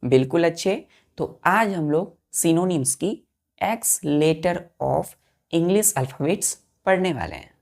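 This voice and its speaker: A woman's voice: lowish voice, expressive, slow pace, gravelly, a little mellow. A woman teaching English vocabulary to children, spelling each word letter by letter and repeating it, with quiz questions to the class. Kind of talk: slow repetitive classroom teaching.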